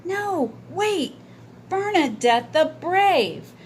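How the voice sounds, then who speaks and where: A woman acts out a kind young boy from a children's storybook. The voice is lifted very high and sounds cheerful and friendly, with noticeable noise in the recording. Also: very animated, very slow, exaggerated voice. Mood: earnest.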